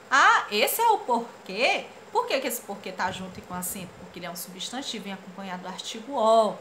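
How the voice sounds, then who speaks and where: A Brazilian woman teaching a children's grammar lesson, animated and playful as she reads out comic strip lines. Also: mid-range voice, slight background noise. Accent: Brazilian Portuguese. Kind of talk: lively classroom lesson for children.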